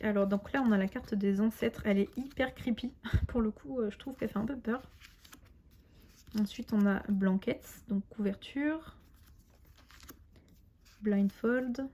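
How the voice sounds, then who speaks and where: Her voice sits a little high with a darkish tone as this tarot and oracle deck reviewer unboxes a deck casually. Chatty, enthusiastic and full of hesitations, she reads the English card names out loud and gives their translations.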